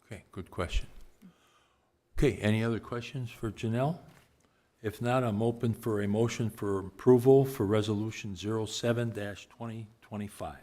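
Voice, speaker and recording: Brisk, businesslike man chairing a meeting. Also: on the low side, steady tone, warm tone. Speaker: commission president chairing a meeting. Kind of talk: formal meeting procedure.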